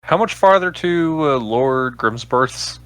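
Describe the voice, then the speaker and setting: A man's voice: medium pitch, animated, slow, fairly bright tone, dry recording. Easygoing man at a game table. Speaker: player. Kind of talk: casual tabletop game chat.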